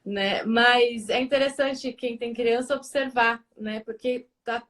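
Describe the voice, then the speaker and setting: A woman hosts a relaxed conversation and thinks aloud as she goes, circling back on her words. Her voice sits a little high for a woman. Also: slow pace. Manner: chatty, thinks aloud with fillers. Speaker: host. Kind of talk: casual chat.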